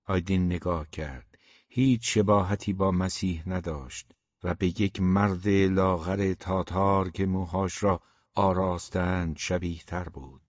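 Deep voiced guy reading a novel, steady pace, kinda dull lo-fi sound. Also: no room sound. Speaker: audiobook narrator. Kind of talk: scripted narration of a novel. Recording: dull, dry, lo-fi recording.

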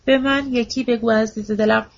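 A woman's voice: fairly high pitch, fairly even intonation, creaky. A woman reading the part of a desperate, grieving old widow who pleads and repeats herself, in a storybook reading. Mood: pleading. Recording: dull lo-fi audiobook recording.

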